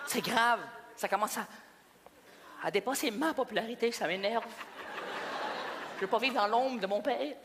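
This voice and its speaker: A man from Québec with a Québécois accent tells mocking stories on stage in a high, lively voice. The recording is full of audience noise and the long reverb of a large hall, with steady background hiss. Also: normal speed, long pauses. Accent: Québécois French. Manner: animated, mocking storytelling. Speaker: stand-up comedian. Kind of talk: stand-up routine. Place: large live venue. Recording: live hall with crowd and noise.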